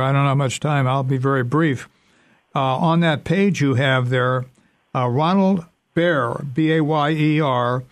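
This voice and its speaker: A man as a talk-show guest, explaining in a measured, slightly halting way. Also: mid-range voice, no room sound.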